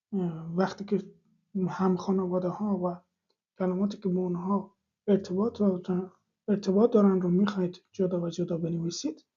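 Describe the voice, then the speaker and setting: Mellow-voiced woman teaching a language lesson. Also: on the low side, breathy edge, lo-fi sound. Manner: explanatory, rhetorical questions, slow repeated example words. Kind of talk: recorded video lesson.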